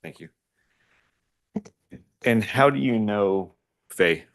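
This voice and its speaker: Male attorney, very low voice, measured courtroom questions. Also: animated.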